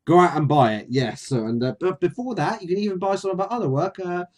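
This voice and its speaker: A man's voice: sits high, fast. A man hosting a casual chat and reading from a book, talking freely with many fillers. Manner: chatty, with many fillers and laughs. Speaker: author and channel host.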